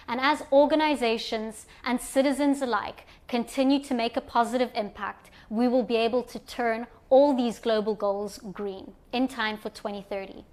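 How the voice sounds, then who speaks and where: A woman from Zimbabwe guiding viewers through an online platform in a calm, step-by-step screen walkthrough. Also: on the high side. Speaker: platform presenter.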